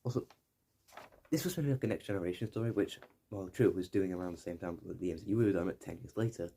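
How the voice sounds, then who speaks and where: A man's voice: low voice, quick pace, gravelly, dark tone, breathy edge. A young man, rambling through a casual video essay commentary, often correcting himself and swearing now and then. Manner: digressive, self-correcting, mildly profane. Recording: faint background noise.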